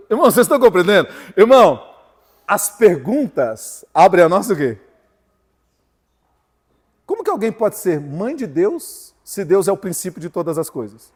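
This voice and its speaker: An emphatic Brazilian man delivers a sermon, his voice sitting a little high for a man. He keeps throwing rhetorical questions out to the congregation. The sound carries a long reverberant tail from the church hall. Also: very animated, a little slow, pauses often, a little mellow, breathy edge. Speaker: preacher.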